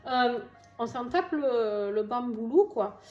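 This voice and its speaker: A woman's voice: fairly high pitch, expressive, slow pace, a little mellow, muffled recording. A woman with a southern French accent giving a chatty, reassuring tarot reading to her viewers, with many fillers and asides. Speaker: tarot reader. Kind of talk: casual tarot reading to camera. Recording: echoey room with faint music.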